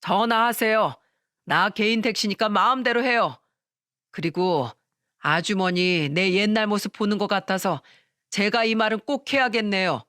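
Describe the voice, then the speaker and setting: A woman's voice: medium pitch, moderate pace, a bit bright, no room sound, studio quality, natural voice. A woman voicing a blunt, sarcastic middle-aged male taxi driver. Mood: sneering.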